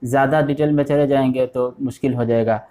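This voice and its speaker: A man's voice: mid-range voice, fairly even intonation, mellow. A man teaching an online language lesson, patiently repeating each word several times. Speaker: Arabic teacher.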